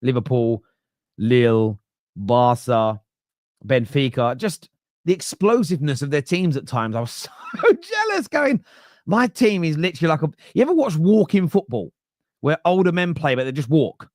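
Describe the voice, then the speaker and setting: A man's voice: fairly high pitch, very animated, moderate pace, a little mellow, no echo, studio quality. A man in his late thirties hosting a live football fan podcast, chatty and joking. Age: 30s. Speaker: podcast host.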